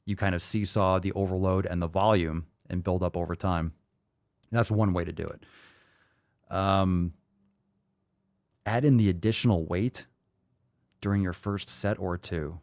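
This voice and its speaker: A man in his late thirties with a very low voice hosts a live fitness Q&A. He answers viewers in a loose, thinking-aloud way, full of fillers and restarts. The sound is dry and close, with no room echo. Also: steady tone, measured pace, pauses often, darkish tone. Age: 30s. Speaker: fitness podcast host answering questions. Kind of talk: livestream Q&A.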